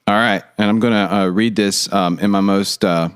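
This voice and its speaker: A man co-hosting a podcast, talking in a relaxed, hesitant way with fillers and light joking. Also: on the low side, normal speed, slight background noise. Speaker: podcast co-host. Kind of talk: casual podcast discussion.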